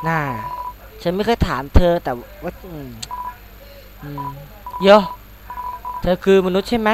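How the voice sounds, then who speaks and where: A man's voice: high-pitched, measured pace. A man voicing an eager young monster kid from a video game, who stammers and keeps saying "yo". The recording is noisy. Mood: nervous. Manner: excited, stammering, says "yo" often.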